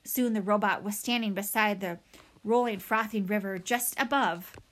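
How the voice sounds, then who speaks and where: A woman reading a children's novel aloud in a dramatic, expressive way. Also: mid-range voice, moderate pace. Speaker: audiobook reader. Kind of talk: storybook read-aloud.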